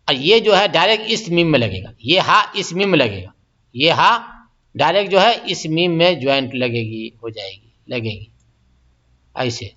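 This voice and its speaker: A male Quran teacher with a high, bright voice explains tajweed patiently. He stretches out each word as he demonstrates it and keeps checking that his students follow. The recording is muffled and lo-fi. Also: big pitch swings. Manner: explains pronunciation step by step, repeats words slowly and drawn out. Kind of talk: tajweed lesson.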